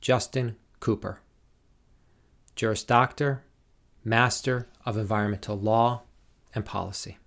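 A man announces graduates' names one by one at a commencement. He speaks very slowly and deliberately, in a lowish voice, keeping a formal, measured rhythm. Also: fairly even intonation, creaky, fairly bright tone. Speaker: commencement name reader.

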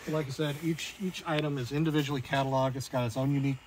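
A man's voice: mid-range voice, steady tone, quick pace, noisy background. A middle-aged man giving an informal, matter-of-fact guided tour as a store staff member, recorded on a handheld camera in a large indoor space. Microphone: handheld camera a few steps away.

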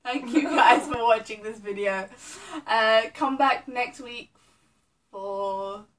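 A woman's voice: on the high side, takes it slowly. A young woman hosting a vlog, chatting casually to the camera. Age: young adult. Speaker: vlog host. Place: small room indoors, on a sofa. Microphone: camera a couple of metres away. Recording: slightly distant mic, faint room noise.

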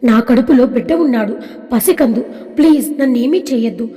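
A woman's voice: fairly high pitch, lively intonation, a little fast, mellow, natural voice. A woman reading as a frightened pregnant mother. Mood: pleading. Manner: begging. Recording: long reverb.

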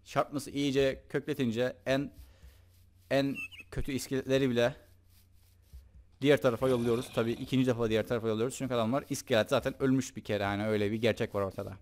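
A man's voice: mid-range voice, fairly even intonation, fast, darkish tone. A young man giving casual, joking commentary over his own gameplay and talking to the creatures in the game. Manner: chatty, joking, talks to the game's mobs. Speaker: gaming YouTuber.

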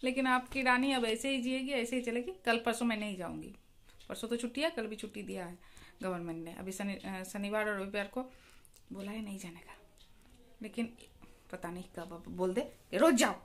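A woman's voice: medium pitch, fairly even intonation, fairly quick. A young woman from India chatting casually in her vlog about her daily routine, sometimes cooing baby talk to a small child. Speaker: vlogger. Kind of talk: casual chat.

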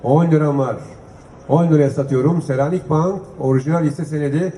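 A man's voice: fairly high pitch, a little fast, dark tone. A man working as a live auctioneer, calling out bids in a repetitive chant. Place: public festival stage with audience. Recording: echoey, noisy live event venue.

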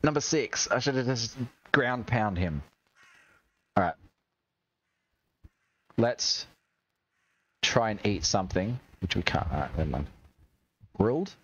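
Young Aussie streamer, low voice, animated, cheeky and sweary, slightly muffled mic. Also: male voice, takes it slowly, long pauses, slight background noise. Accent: Australian. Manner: chatty, swears and jokes while playing. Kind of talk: gaming livestream commentary.

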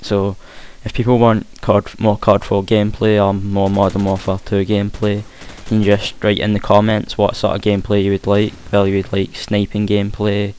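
A young man with a broad Scottish accent gives casual, hesitant gameplay commentary, trying to speak clearly, on a hissy home recording. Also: fairly low pitch, completely flat delivery, moderate pace, hardly any pauses, darkish tone. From Scotland. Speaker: gaming commentator. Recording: hissy home mic with faint noise. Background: game gunfire.

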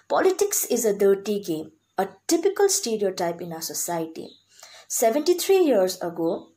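A woman's voice: medium pitch, darkish tone. A young woman from Sikkim with an Indian accent, giving a prepared competition speech in a stiff, memorized, declamatory manner. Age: young adult. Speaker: college student speech contestant. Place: small room indoors.

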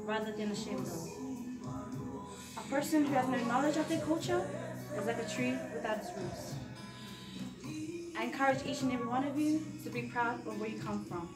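A teenage girl from Samoa delivering a prepared formal speech at the front of a classroom, measured and earnest, with rhetorical repetition. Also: a little high. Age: teens. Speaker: student speaker. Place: large classroom, standing at front. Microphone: far camera. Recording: echoey classroom from far off.

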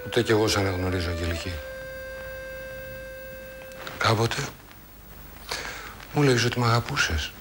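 An actor playing a curt, defensive husband who orders his wife to be quiet. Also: on the low side, long pauses, over music, natural voice. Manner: curt, commanding, gruff. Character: husband Apostolos, harsh and defensive. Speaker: actor in TV drama.

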